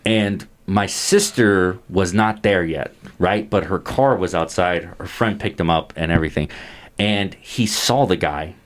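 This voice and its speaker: A man's voice: low voice, measured pace. A young man co-hosting a podcast, telling a story casually with lots of laughter and acted-out quotes. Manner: laughs a lot, acts out quotes in voices. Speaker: podcast co-host.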